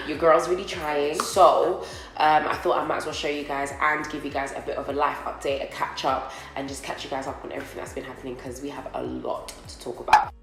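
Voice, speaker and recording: Doing her makeup in a co-working office, a young woman vlogs casually about beauty, rambling and treating viewers as friends, slightly nasal after a cold. Her voice is deep, the sound roomy, and the recording rough.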